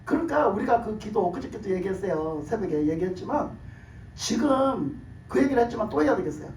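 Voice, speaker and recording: A man preaching a sermon in a hoarse, worn voice, pressing his point with rhetorical questions and laughter. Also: high-pitched, very animated, brisk, slight background noise. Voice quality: hoarse, broken voice from years of shouted prayer. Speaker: pastor. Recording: echoey room, mic at a distance.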